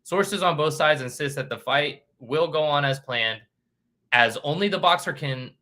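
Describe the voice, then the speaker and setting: A man's voice: mid-range voice, sharp tone. A man hosting a casual boxing vlog, reading news headlines aloud and chatting with lots of fillers. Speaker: boxing channel host.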